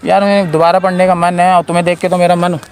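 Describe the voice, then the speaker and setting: Playful, teasing young man, higher voice. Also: little pitch movement, fast talker. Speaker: prank video host. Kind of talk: prank chat with a stranger. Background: background music.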